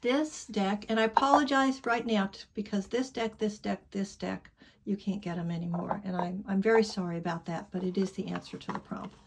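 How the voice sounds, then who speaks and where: A woman chatting to her camera as a tarot vlogger, candid and a little rambling. Her voice sits at an ordinary middle pitch. She drifts between thoughts and lets some lines trail off softly. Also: fairly even intonation, fairly quick, background noise. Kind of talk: casual chat.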